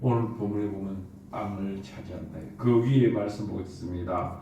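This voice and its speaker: A man's voice: sits low, moderate pace, mellow, a little hiss or hum. A man preaching a sermon as pastor, asking his listeners one rhetorical question after another. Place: church sanctuary. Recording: very echoey church from far off.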